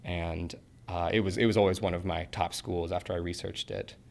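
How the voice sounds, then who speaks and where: A young man in his twenties from Portland, Oregon, earnestly discusses acting school in a casual interview, rambling with fillers and restarts. His low voice is level in tone, a little fast, with vocal fry.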